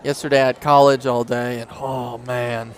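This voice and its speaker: A man's voice: mid-range voice, level tone, moderate pace. Laid-back young man commentating. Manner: joking, laid-back and chatty. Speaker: livestream commentator. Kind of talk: casual sports commentary. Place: school gym, indoors.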